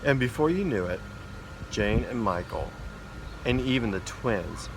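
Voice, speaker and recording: A school principal with a medium-pitched, animated voice reads a children's storybook aloud at a measured pace for young listeners. He keeps it informal, sitting outdoors in a backyard, where loud ambient hum and vehicle noise come through.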